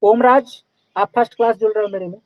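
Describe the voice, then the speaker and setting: A man's voice: high voice, fairly even intonation, fast talker, dry recording, highs cut off. A young man teaching a live online class in a casual, chatty way, often checking in with his students.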